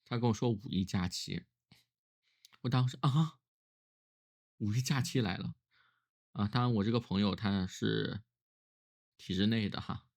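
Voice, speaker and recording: Weary low-voiced man with heavy vocal fry. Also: fairly even intonation, normal speed, a little mellow. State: ill with a cough. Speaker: solo vlogger. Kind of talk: casual reflective monologue.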